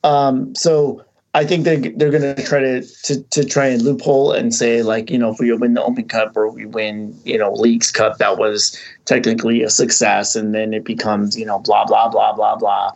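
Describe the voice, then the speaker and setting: A man's voice: mid-range voice, little pitch movement, normal speed, creaky, few pauses, darkish tone. A man co-hosting a podcast, talking casually and rambling, with many restarts and fillers. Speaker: podcast co-host. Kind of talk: casual chat.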